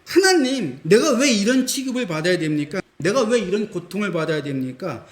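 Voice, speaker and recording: A man's voice: sits high, big pitch swings, a little fast, reverberant. Job, a man voicing an anguished defiant sufferer. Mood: protesting. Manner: pleading, protesting.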